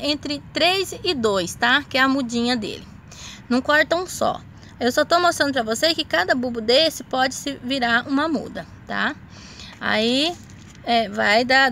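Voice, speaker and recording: Brazilian woman, warm home-vlog chatter, a bit high with some fry, phone mic. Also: slight background noise. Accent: Brazilian Portuguese. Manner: chatty, affectionate, lots of diminutives and "né?". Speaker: orchid grower vlogger. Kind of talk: casual show-and-tell vlog. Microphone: phone camera held close.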